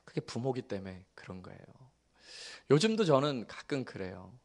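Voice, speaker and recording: Man in his forties, pastor, sermon delivery, swings between near-whispers and laughing exclamations, mid-pitched voice. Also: moderate pace, creaky. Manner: storytelling, shifting from hushed tenderness to excited laughter.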